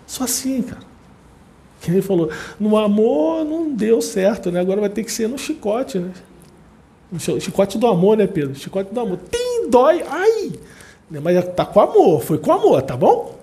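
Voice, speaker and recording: A high-pitched man with a Brazilian accent speaks at normal speed in a chatty, informal talk to an audience. He leans on repetition for emphasis and makes animated asides.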